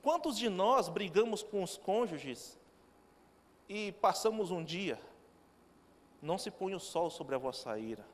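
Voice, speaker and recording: A man's voice: sits high, very animated, measured pace, pauses often. A male pastor giving a sermon in a church, telling stories with quoted dialogue. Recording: long reverb of a church hall.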